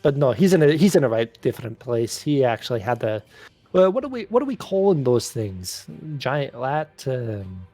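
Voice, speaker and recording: A man's voice: mid-range voice, sing-song, normal speed, dark tone, no room sound, faint music behind. A man playing in a tabletop game, talking hesitantly with many restarts and rambles. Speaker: player. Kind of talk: tabletop role-play chat.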